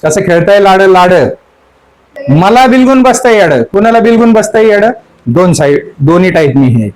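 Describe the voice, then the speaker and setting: Over poor audio, a man with a high-pitched, slightly mellow voice preaches animatedly at a normal pace. As a spiritual teacher unpacking song lyrics, he keeps firing questions at his audience and repeats the lyric line over and over.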